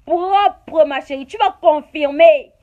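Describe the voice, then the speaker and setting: A woman with a Cameroonian French accent and a high voice rants straight into the camera. She is confrontational and scolding, and she drives each point home by repeating her jabs. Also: animated, normal speed, narrow, tinny audio. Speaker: YouTuber. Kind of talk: heated rant to camera.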